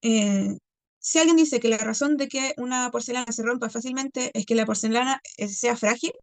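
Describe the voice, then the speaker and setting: A woman teacher reviewing a class lesson, checking in constantly with "¿ya?" and "¿cierto?" and pausing on many fillers. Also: on the high side, a little mellow, dry recording. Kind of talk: recorded class review lecture.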